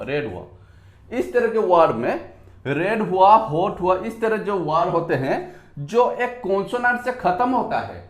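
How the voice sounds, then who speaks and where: A man with an Indian accent teaching an English grammar lesson at a whiteboard, saying words slowly and repeating them, switching between Hindi and English. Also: sits high. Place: room with a whiteboard. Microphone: phone on a tripod. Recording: echoey room.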